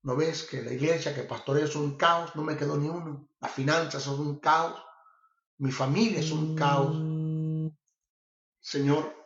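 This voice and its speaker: A man's voice: fairly high pitch, fairly even intonation, measured pace, fairly bright tone. A man voicing a despairing male pastor at his breaking point, pleading and repeating himself. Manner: pleading and repetitive. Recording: roomy, slightly dull recording.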